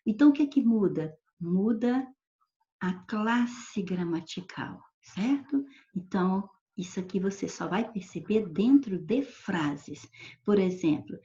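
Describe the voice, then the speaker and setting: A woman teacher with a Brazilian Portuguese accent explaining grammar in a recorded lesson, often checking understanding with quick tag questions. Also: medium pitch, dark tone, highs cut off.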